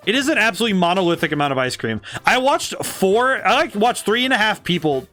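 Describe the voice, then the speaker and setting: A young man talks through his live game stream in a loose, chatty way, laughing a lot and tripping over his own sentences. His voice sits a little high for a man. Faint game music plays behind him. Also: sing-song, fast talker, sharp tone. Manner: chatty, giggly, self-correcting with frequent laughs. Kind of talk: casual live-stream commentary while playing.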